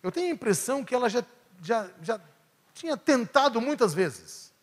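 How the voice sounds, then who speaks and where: High, animated male preacher. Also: moderate pace. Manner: animated, swinging between emphatic and hushed. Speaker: pastor. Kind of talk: sermon. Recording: long church hall reverb.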